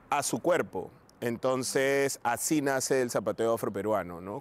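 A middle-aged man from Peru, a dance teacher calmly explaining in an interview. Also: medium pitch, slight background noise. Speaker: Afro-Peruvian zapateo teacher. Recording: music playing underneath.

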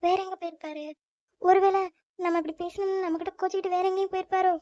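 A woman's voice: flat delivery, dark tone, no echo, lo-fi sound. A woman voicing an anxious young newlywed wife who frets and pleads in a cartoon. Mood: fretful. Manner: high, quick, fretful self-talk.

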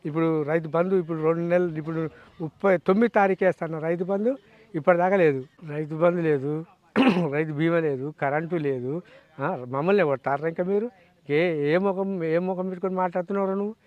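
A man's voice: fairly high pitch, moderate pace. A man, a farmer with a Telangana Telugu accent, angrily scolds someone and fires off rhetorical questions. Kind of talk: angry rant to camera. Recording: dull dry lo-fi sound.

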